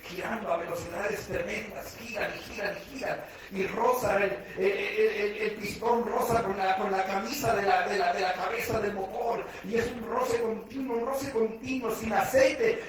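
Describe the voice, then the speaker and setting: A man preaching a sermon as pastor. He swings between loud shouting and hushed, low speech, and mixes in everyday jokes and direct questions to the congregation. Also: normal speed. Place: church sanctuary. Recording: echoey church room, distant mic, faint noise.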